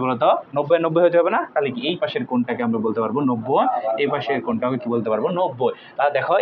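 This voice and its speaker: A man's voice: a little high, dull audio, a little hiss or hum. A young man teaching an online math lesson, drilling students with repeated questions in a jokey, brotherly way. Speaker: math tutor.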